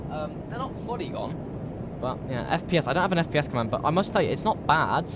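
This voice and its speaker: British male streamer, a little croaky with a cold, chatty and informal over clear rumbling background noise. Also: lively intonation, racing. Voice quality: slightly croaky. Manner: chatty, informal, thinking aloud. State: recovering from a cold. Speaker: live streamer. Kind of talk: casual live stream chat while flight simming.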